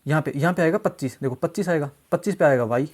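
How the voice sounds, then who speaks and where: A man's voice: fairly high pitch, fast, darkish tone. A man teaching exam reasoning questions, working through each step and often checking that students follow. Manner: repetitive, coaxing, keeps asking "samjhe?". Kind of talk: solving mock test questions step by step.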